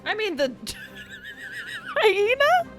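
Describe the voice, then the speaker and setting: A woman chats casually as a player in a tabletop role-playing game. Her pitch moves around in a lively way, and music plays clearly behind her. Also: drawn-out words. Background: background music.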